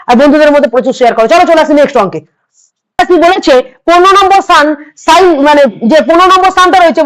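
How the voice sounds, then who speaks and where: A hoarse woman with a West Bengal Bengali accent, a math tutor giving an exam-prep lesson who repeats each step and coaxes students along. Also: extremely high pitch, poor audio. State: hoarse from a cold.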